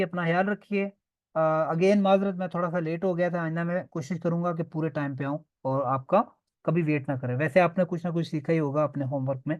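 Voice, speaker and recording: A man's voice: fairly high pitch, highs cut off. A man teaching a beginners' online class, patiently drilling sounds and often checking that students follow. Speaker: language teacher.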